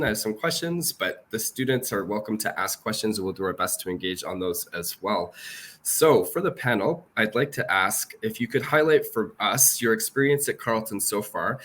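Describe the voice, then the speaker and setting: Low-voiced man moderating a student panel. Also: a bit bright, a little hiss or hum. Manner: measured, with frequent fillers. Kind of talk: moderating a university info session panel.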